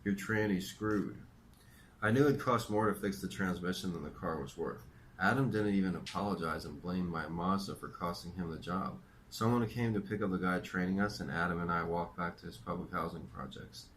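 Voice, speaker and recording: Low deep-voiced guy reading his own memoir, dry matter-of-fact, a bit of faint background noise. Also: fairly quick, fairly bright tone.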